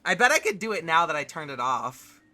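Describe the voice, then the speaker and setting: A man's voice: on the high side, big pitch swings, fairly quick, pushed and bright, faint music behind. A young man live-streaming a game, chatting casually with viewers, often giggling and swearing.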